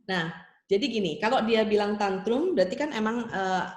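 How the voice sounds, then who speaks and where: A woman's voice: medium pitch, normal speed, a little mellow, reverberant. A woman child psychologist answering a question in an online seminar. She explains step by step, uses many tag fillers and acts out soothing lines a parent might say. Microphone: video call.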